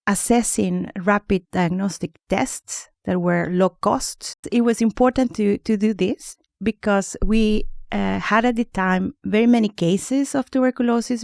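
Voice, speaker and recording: A woman's voice: medium pitch, creaky, darkish tone, no echo, studio quality. A woman, a microbiologist explaining things carefully as a podcast guest, with small restarts. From Honduras. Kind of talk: podcast interview.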